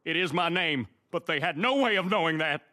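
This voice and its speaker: A pompous Irish-American cartoon man nursing a grievance. His voice is high and bright. He speechifies with solemn self-pity. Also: expressive, brisk. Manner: pompous, aggrieved.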